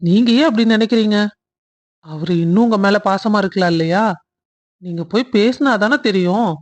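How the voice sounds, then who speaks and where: A woman voicing a kind young man in a cartoon love story who speaks earnestly and reassures gently. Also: medium pitch, normal speed, close to an everyday voice.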